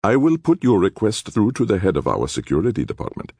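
A man's voice: lowish voice, huge pitch swings, brisk, mellow, breathy edge, dry recording, voice pushed up, full character voice. A man voicing a fussy, evasive bureaucrat who stays overly polite and formal. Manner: prim, hesitant, polite formality.

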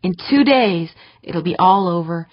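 A woman's voice: on the low side, expressive, a little slow, dry recording. A woman reading as an anxious worried woman. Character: anxious woman worrying over her partner. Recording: dull dry lo-fi recording.

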